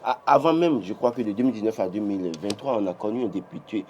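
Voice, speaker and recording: On the low side and a little mellow, this man's voice moves fast, with a little hiss or hum in the background. He has a Beninese French accent and delivers political commentary for a morning TV press review, emphatically, restarting often and rising as he insists.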